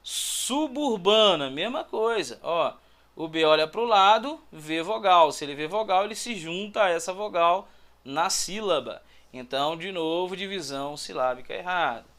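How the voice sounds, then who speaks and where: Lively high-voiced male teacher. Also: normal speed. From Brazil. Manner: lively, chatty, checks in with "belezinha?". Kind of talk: exam-prep lesson. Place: prep school classroom or studio.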